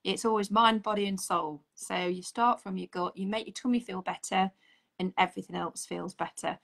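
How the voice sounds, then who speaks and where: A woman's voice: medium pitch, fairly even intonation, moderate pace, creaky, fairly bright tone. A woman in her forties, a holistic therapist, chatting earnestly as a guest on a video call. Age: 40s. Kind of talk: casual video-call chat. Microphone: video call, audio only.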